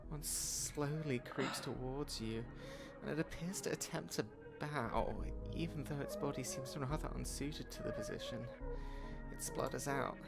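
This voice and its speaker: A man's voice: fairly high pitch, wildly swooping pitch, a little slow, creaky, over loud music, full character voice. A man reading scripted second-person narration for a story game in a dramatic storytelling manner.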